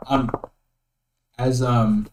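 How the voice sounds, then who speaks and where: A man's voice: medium pitch, steady tone, drawn-out words, roomy sound. A man playing a tabletop game, speaking hesitantly with many fillers. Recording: distant mic with faint hiss.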